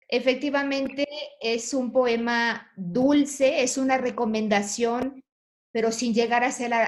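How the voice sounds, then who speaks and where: A woman teaching a class, her voice sitting a little high. She explains patiently and encourages her students, echoing their words back as she goes. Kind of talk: online class feedback.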